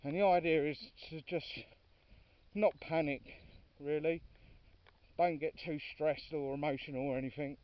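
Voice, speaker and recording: A man chats informally as he walks his dogs outdoors, his voice sitting a little high. The sound is dry and somewhat dull, as if picked up from a distance off the mic. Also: steady tone, normal speed, no echo. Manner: chatty and informal, calling his dogs now and then. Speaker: dog walker filming his walk. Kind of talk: casual vlog commentary while walking. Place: outdoors on a dog walk.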